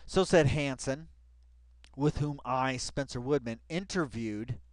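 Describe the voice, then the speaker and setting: Slow-paced and mid-range, this man's voice is recorded dry as he reads an article and riffs on it casually. The video commentator is rambling and excitable, repeats phrases to drive points home, and curses freely.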